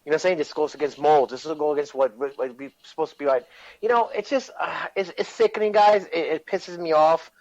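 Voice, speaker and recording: A man's voice: fairly high pitch, fast, a little mellow, dry recording. A man co-hosting a casual podcast discussion, speaking with heated emotion and frequent swearing. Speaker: podcast co-host. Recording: dull dry lo-fi audio.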